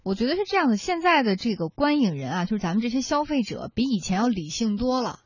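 A woman's voice: a little high, sing-song, fast, slightly rough, dry recording. A woman hosting a studio film talk show, leading the talk and putting questions to guests. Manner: leads the talk, asks questions. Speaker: host. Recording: dull lo-fi broadcast sound.

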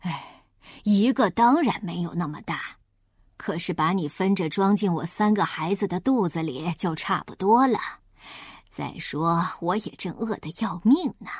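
A woman voicing a hungry, sly father wolf in a storybook reading, talking low and matter-of-fact as he coaxes his prey. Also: animated, unhurried, husky, no room sound, clean studio sound. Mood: coaxing.

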